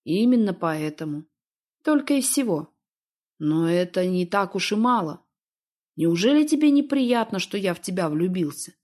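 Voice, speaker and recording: A woman reading an audiobook, voicing a calm, evasive man who talks in an unhurried, teasing way. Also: on the low side. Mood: calm, coaxing. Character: calm, evasive middle-aged man, smooth talker.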